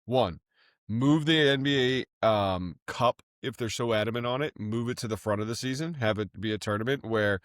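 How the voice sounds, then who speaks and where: A man co-hosting a sports podcast, making his points with emphatic energy. His voice sits at an ordinary pitch. It is recorded dry and close, with no room sound. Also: moderate pace, dry recording. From Boston area. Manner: animated, emphatic, self-censoring swears. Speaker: podcast co-host. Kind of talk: casual sports chat.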